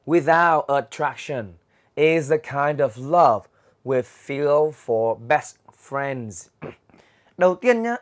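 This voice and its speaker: A young man with a Vietnamese accent teaching English vocabulary, patiently explaining words and reading them aloud slowly in a classroom. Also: mid-range voice. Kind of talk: vocabulary lesson for students. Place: classroom with a chalkboard.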